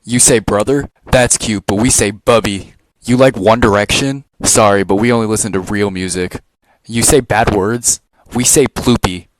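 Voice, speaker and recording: A man's voice: on the low side, moderate pace, dry recording, rough recording. A man performing a comic sketch in a smug, mocking tone.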